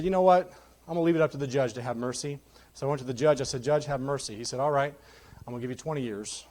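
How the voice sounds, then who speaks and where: A man in his thirties giving a candid, joking testimony sermon in a church. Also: medium pitch. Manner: candid, jokey, animated storytelling. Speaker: guest preacher. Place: church sanctuary.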